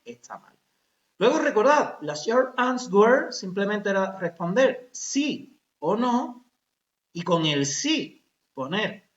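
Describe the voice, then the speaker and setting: A man teaches English to adults, his voice high and swinging up and down as he explains. He checks constantly that the class is following and slows down to model example sentences. The recording is roomy and a bit muffled. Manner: lively, explains step by step with frequent checks like ¿vale?. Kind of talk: recorded grammar lesson for adults.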